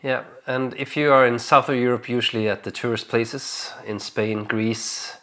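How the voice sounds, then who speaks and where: A young man, from Denmark, talking casually in a relaxed and hesitant way, with frequent fillers and restarts. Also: medium pitch, normal speed. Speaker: vlogger. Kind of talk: casual conversational vlog chat.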